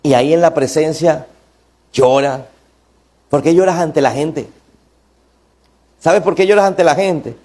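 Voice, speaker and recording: A male pastor, preaching an impassioned sermon that rises to near shouts. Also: on the high side, a little slow, pauses often.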